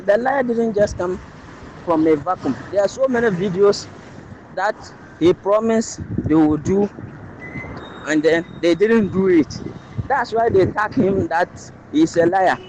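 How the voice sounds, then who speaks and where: A man's voice: high-pitched, measured pace. A man speaks through a phone voice message played on air. He presses his point and keeps restarting his phrases. Faint background noise sits under the recording. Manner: insistent, repeats and restarts phrases. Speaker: listener sending a voice note. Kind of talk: political opinion voice note.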